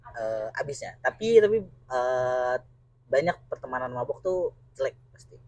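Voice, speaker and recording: A man's voice: mid-range voice, big pitch swings, a little slow, a little mellow, a little hiss or hum. A young man with a Jakarta accent, chatting casually as a podcast host. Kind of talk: casual chat.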